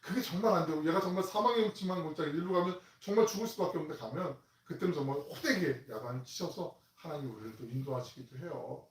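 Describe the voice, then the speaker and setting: A man pastor giving a conversational sermon, reading scripture aloud slowly and firmly. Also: on the high side. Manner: conversational preaching, reads scripture slowly and loudly with the congregation. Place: church sanctuary. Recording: echoey church from a distance.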